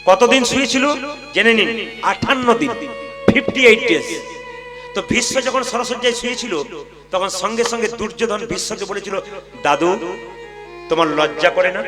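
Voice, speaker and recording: A man from West Bengal giving a lively devotional sermon at a live gathering, quizzing his listeners and acting out the voices in his stories. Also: high-pitched. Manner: animated, quizzes the audience, acts out voices in stories. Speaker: kirtan preacher.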